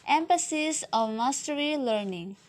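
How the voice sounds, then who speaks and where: This student presenter is a young woman with a Filipino accent and a high voice, lively in intonation and measured in pace. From a webcam at home she reads through her slides, going down lists and trailing off softly as each line ends.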